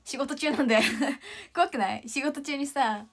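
On a morning livestream, a woman in her 20s from Ishikawa, Japan talks casually; her voice hasn't warmed up yet and strains when she goes high. Thinking out loud, she drifts off softly at the ends of thoughts, speaking at a measured pace with lively intonation over a faint hiss or hum.

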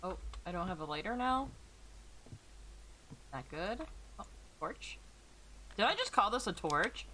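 American female streamer, expressive and sweary, casual game commentary with a lively range, some background noise. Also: medium pitch, unhurried, long pauses, rough recording. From United States. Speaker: streamer playing a horror game.

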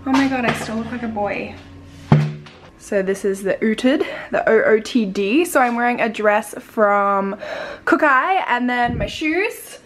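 A woman's voice: a little high, background noise. A young Australian woman chatting casually in a vlog, swearing freely and giggling. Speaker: vlogger.

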